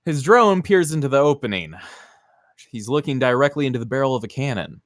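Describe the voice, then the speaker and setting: A mid-range male voice, expressive and brisk, reads scripted screenplay narration in a clipped, theatrical present tense. He is the stage-direction reader at a table read, and the audio is clean studio sound with no room sound.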